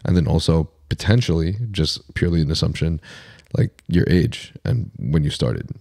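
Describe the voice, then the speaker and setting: A man's voice: a bass voice, normal speed, gravelly, dark tone. A man hosting a podcast interview, asking his guest questions tentatively with plenty of fillers. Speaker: podcast host.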